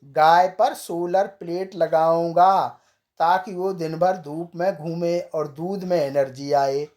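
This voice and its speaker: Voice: mid-range voice, fairly even intonation, takes it slowly, a little mellow, natural voice. A storyteller voicing a cheerful, boastful village inventor man who is always sure of his silly ideas.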